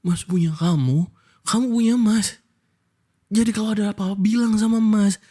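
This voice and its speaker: A man's voice: sits high, normal speed, warm tone. A young Indonesian man in a whispered role-play as a husband, scolding his wife with hurt reproach.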